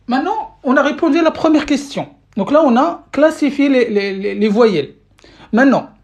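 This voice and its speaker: Woman teacher, livestream lesson, patient and repetitive, middle pitch, talks into a phone mic. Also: a little mellow. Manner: patient, repeats questions to viewers, many fillers. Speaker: Arabic teacher. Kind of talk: live-streamed language lesson. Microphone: phone or webcam mic.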